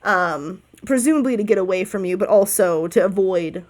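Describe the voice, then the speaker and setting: A woman game master narrating a tabletop game in a relaxed, rambling way, correcting herself as she goes. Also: mid-range voice, normal speed.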